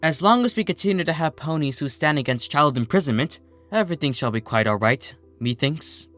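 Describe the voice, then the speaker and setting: Man voicing Princess Luna, regal pony with lifted pitch. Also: lively intonation, fairly quick, a bit bright, soft background music. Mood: quiet, thoughtful. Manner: formal, archaic turns of phrase. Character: regal, gentle pony princess, old-fashioned and earnest.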